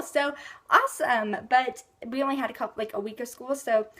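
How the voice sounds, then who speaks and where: A young woman with a high, bright pitch and a lilt, chatting through her monthly favorites. She sounds a little under the weather, and she rambles with plenty of ums and likes. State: sick, voice a bit rough. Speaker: beauty vlogger. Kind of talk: casual rambling product review.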